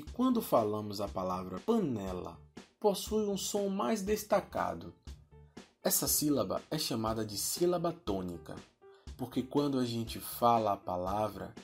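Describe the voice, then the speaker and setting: A man voicing a cheerful virtual teacher with a Brazilian accent, explaining a lesson to children and slowing down to spell out words. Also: medium pitch. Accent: Brazilian Portuguese. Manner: upbeat, addressing children, slows to spell out words.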